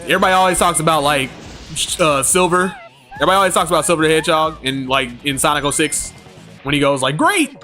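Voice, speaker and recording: A man streaming a game, chatting casually and telling stories in animated slang, laughing often. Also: a little high, quick pace, faint music behind. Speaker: gaming streamer. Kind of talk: casual livestream chat.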